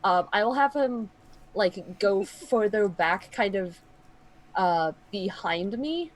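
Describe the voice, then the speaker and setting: A woman's voice: mid-range voice, expressive, slow, poor audio. Casting: female tabletop gamer, mid-range voice, chatty, works out her moves aloud in casual narration. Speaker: tabletop game player. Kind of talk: casual game chat and narration.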